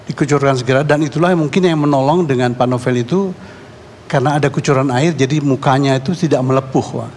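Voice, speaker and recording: A man from Indonesia telling what he saw as a guest on a televised talk show, his speech halting and full of restarts. His voice sits at an ordinary pitch for a man. It rings with a long hall reverb, and faint room ambience runs underneath. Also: a little mellow, slight background noise. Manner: halting, repeats and restarts words. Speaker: neighborhood head and eyewitness guest. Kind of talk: eyewitness account on a talk show.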